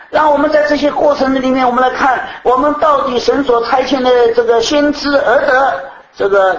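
High-voiced man preaching in an echoey room. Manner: rhetorical questions, earnest teaching. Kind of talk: sermon.

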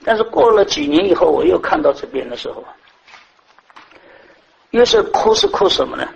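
Man preaching a sermon, kinda high voice, keeps asking the crowd questions, goes loud then soft. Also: very animated, moderate pace, creaky, slightly rough, muffled recording. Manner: asks the congregation many rhetorical questions; swings between raised emphatic and soft low phrases.

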